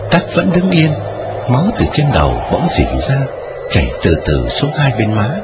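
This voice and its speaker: A man's voice: huge pitch swings, moderate pace, dull audio. A man narrating a ghost story in a dramatic storytelling manner. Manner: dramatic storytelling with wide swings in pitch. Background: music.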